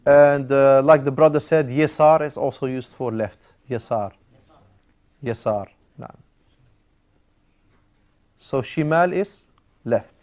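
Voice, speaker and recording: A man's voice: medium pitch, moderate pace, pauses often, darkish tone. A man teaching an Arabic grammar class, explaining step by step with frequent "uh" fillers and Arabic terms mixed in. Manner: explains step by step, repeating key words.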